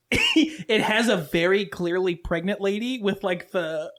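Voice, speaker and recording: A man's voice: high-pitched, slow pace. A man co-hosting a casual beer podcast, chatting and laughing often. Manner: laughs often, lively and animated. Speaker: podcast co-host. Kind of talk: casual chat.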